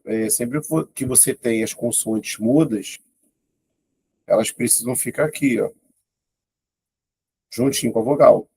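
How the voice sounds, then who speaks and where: A man's voice: medium pitch, a little mellow, a little hiss or hum. A man teaching an exam-prep grammar lesson, talking informally and thinking aloud as he works through questions. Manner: informal, thinks aloud, exclaims at tricky items. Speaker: Portuguese teacher.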